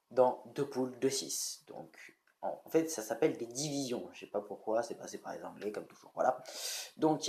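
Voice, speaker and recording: A man's voice: mid-range voice, warm tone, a little hiss or hum. A young man from France talking casually to camera, rambling with many fillers and checking his notes as he explains. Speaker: YouTuber. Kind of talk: casual chatty vlog explainer.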